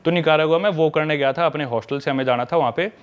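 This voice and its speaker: A man's voice: fairly high pitch, fast, slight background noise. A man telling a travel story in casual podcast chat, mixing English words into his Hindi.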